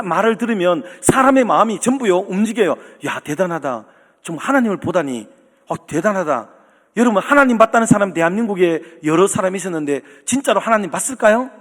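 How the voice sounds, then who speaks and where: A middle-aged male pastor preaching a sermon in a church, emphatic and animated, his voice rising on key points. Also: high voice. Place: church sanctuary. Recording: long church hall reverb.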